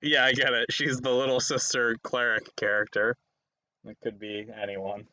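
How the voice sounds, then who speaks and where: A man streaming a card game, chatting casually, playful and teasing, sometimes breaking into excited laughter. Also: mid-range voice, moderate pace, lo-fi sound. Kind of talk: casual chat while playing a card game.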